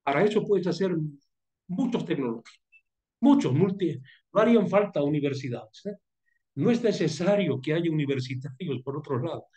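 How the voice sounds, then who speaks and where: A man's voice: fairly high pitch, animated, warm tone. An older man with a Mexican Spanish accent leading a university seminar, speaking in a thoughtful, digressive way and coughing from a cold. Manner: thoughtful, digressive, pausing and restarting phrases. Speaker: seminar leader.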